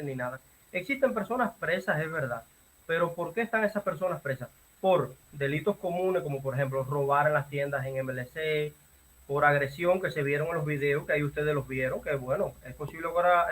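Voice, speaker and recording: A man's voice: fairly high pitch, a bit bright, slight background noise. A Cuban man with a Cuban Spanish accent calling in to a live stream, arguing hesitantly with many fillers and rambling. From Cuba. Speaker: caller. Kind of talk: live stream call-in argument.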